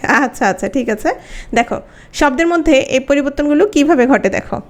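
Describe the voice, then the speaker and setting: A woman's voice: high voice, animated, fairly quick. A woman teacher, giving an exam-prep grammar lesson and asking her students questions as she explains.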